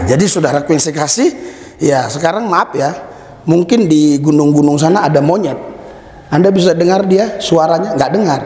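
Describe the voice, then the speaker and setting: A man preaching a sermon as a pastor, telling a story with acted-out dialogue and bursts of shouted praise. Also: a little high. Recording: echoey hall with long reverb.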